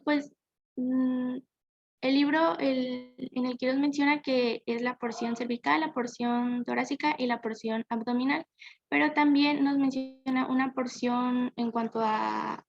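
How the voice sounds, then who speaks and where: A young woman presents to her class in a high, gravelly voice, pausing on fillers and correcting herself as she goes. The recording is dry and dull, with a lo-fi edge. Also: dry recording. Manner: hesitant, frequent fillers and self-corrections. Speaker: student presenter.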